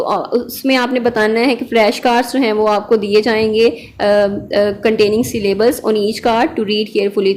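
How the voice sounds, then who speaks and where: A woman, an online tutor calmly explaining a lab practical and mixing English terms into her speech. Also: fairly high pitch, a little hiss or hum. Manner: patient, checks in with "okay" and pauses on fillers.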